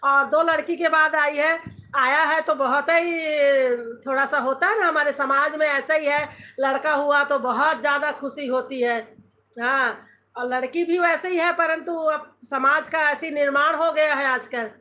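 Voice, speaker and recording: A middle-aged woman with a Chatty Chhattisgarhi accent hosts a live stream from her home, talking straight into her phone. Her voice sits high and sounds bright and clear. She moves easily between Hindi and her dialect as she greets viewers and answers their comments. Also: fairly even intonation, unhurried.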